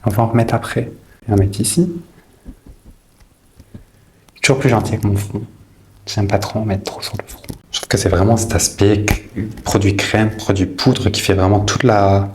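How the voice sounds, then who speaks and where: A man's voice: lowish voice, fairly quick. A man chatting through a makeup tutorial, teasing his viewers with playful asides.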